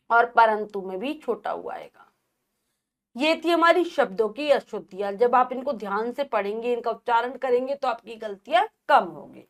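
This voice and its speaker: A woman teacher giving a grammar lesson to children, repeating words slowly and carefully to show the correct spelling. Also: on the high side.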